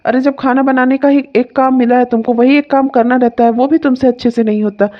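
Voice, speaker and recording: Brief: sneering cartoon husband, a woman plays him fairly high-voiced, lo-fi dull sound. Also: fairly even intonation, fairly quick, close to an everyday voice. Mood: mocking, scornful. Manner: mocking, complaining; obsequious on the phone. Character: rude grown son, dismissive to his wife. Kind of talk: cartoon comedy voice acting.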